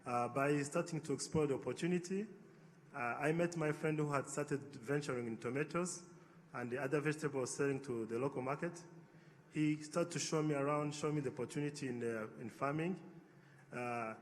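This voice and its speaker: A man's voice: on the high side, brisk. A man, an agribusiness entrepreneur answering on a panel in an earnest, hesitant way with many fillers. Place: large conference hall. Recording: reverberant conference hall, faint ambience.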